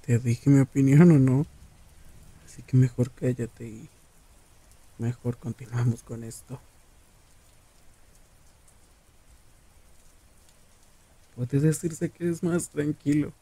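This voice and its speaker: A man playing a menacing, possessive serial killer lover in an ASMR roleplay, taunting and condescending in a drawn-out way. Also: mid-range voice, warm tone, no echo, rough recording.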